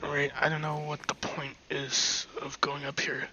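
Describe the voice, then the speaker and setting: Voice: medium pitch, completely flat delivery, moderate pace, noisy background. A gameplay commentator rambling casually while exploring, often muttering asides under the breath and giggling. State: hiccups. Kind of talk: casual let's-play commentary. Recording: slightly dull lo-fi recording.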